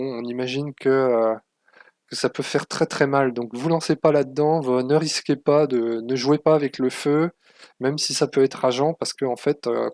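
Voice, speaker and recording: A man walks viewers through a screen-share tutorial, pausing often on fillers as he issues cautionary warnings. His voice sits at an ordinary middle pitch. The recording is dry and close, with no room sound. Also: darkish tone, dry recording. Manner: hesitant, many fillers, warning tone. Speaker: channel host.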